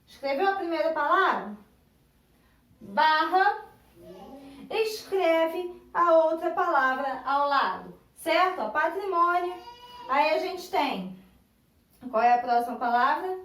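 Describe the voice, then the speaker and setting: Brazilian woman teacher, slow, repeats and spells syllables, recorded across an echoey classroom. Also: sits high, animated, a bit bright. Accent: Brazilian Portuguese. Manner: patient, spells out syllables slowly and repeats words. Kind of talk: recorded online classroom lesson. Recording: echoey room, voice from a distance.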